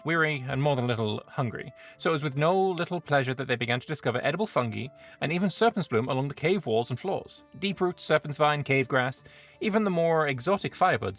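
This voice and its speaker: A man's voice: mid-range voice, creaky, a bit bright. A man streaming a strategy game, thinking aloud in an offhand way and reading the event text aloud.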